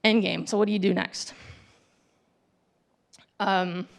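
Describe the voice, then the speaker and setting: Gravelly-voiced woman giving a casual talk. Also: medium pitch, steady tone, slow pace. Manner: conversational, acts out sample dialogue, frequent ums and restarts. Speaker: tech meetup speaker. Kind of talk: casual presentation to an audience. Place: meetup event venue.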